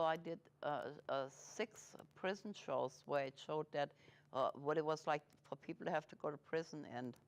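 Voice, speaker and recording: A middle-aged woman hosts a casual interview with a slightly low voice. She speaks haltingly and restarts her sentences often. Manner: hesitant, halting speech with fillers and restarts. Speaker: host.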